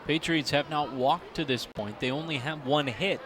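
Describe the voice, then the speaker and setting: American guy doing baseball play by play, highish voice, crowd noise behind him. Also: moderate pace. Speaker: baseball radio play-by-play announcer. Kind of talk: live baseball play-by-play and sponsor reads. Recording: live ballpark broadcast, loud crowd noise. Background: crowd and outdoor ballpark ambience.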